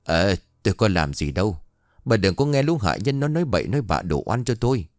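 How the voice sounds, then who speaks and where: A lecherous old village chief, cowed by his wife and sweet-talking his way out of trouble, as a male narrator puts him on. The voice is low and lively in pitch, with a dry, close sound. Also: brisk, no room sound. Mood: wheedling. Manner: wheedling, flattering.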